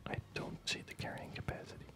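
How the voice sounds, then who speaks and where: A gamer narrates their own gameplay in a breathy ASMR whisper, mostly unvoiced, musing aloud in short, halting phrases.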